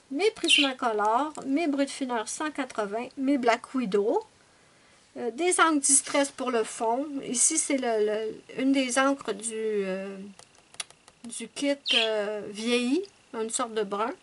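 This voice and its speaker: Woman, high voice, casual chat, fillers and restarts, slight background hiss. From Canada. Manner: chatty, with frequent fillers and restarts. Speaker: coloring channel host. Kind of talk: casual chat showing finished coloring pages.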